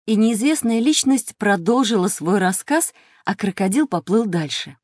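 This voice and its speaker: Calm woman narrating a fairy tale. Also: medium pitch, normal speed, dry recording, studio quality. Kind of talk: scripted narration.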